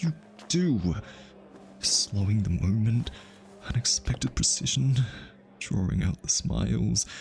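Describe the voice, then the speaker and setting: A man voices a flustered, defensive hitman who has fallen in love, in a close, intimate ASMR roleplay full of stammers, sighs and breathy whispers. His voice is mid-range and a little mellow, with slight background noise in the recording.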